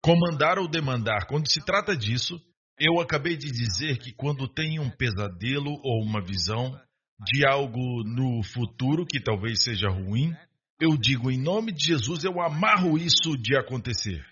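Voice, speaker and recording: Bright, husky-voiced male preacher. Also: mid-range voice, animated, normal speed, lo-fi sound. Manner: rhetorical questions, calls for amen. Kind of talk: sermon.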